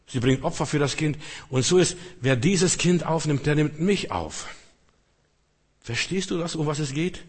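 A man's voice: on the high side, expressive, normal speed, slightly rough. A man preaching a sermon in church, speaking straight to the congregation with rhetorical questions. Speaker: pastor.

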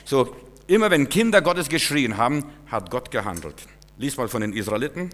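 Middle-aged man, pastor's sermon, emphatic, loud bursts then low asides, long hall reverb. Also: lively intonation, normal speed.

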